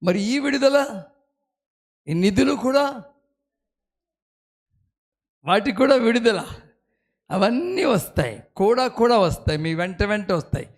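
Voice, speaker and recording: A man preaching a sermon as pastor, leading the congregation in call-and-response and swinging between quiet storytelling and loud exclamations. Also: high-pitched, animated, slow pace, pauses often.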